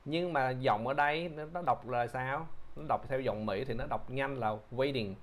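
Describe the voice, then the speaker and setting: Patient male pronunciation teacher. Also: mid-range voice. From Vietnam. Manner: patient, repeats words slowly and explains mouth positions. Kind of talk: pronunciation lesson.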